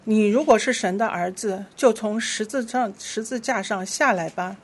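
A woman leading a church service, reading scripture aloud verse by verse in a steady, clear voice. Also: mid-range voice, moderate pace. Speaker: worship leader.

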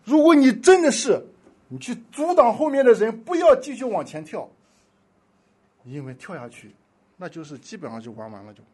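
A male preacher with a high, husky voice delivers a sermon. He swings widely between loud pleading and hushed asides, his pitch leaping about as he tells the story. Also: sing-song, normal speed.

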